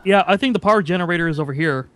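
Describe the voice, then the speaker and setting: A man's voice: high voice, very fast, background noise. Hesitant man thinking aloud while gaming. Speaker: gamer playing co-op. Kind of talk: casual let's-play chat.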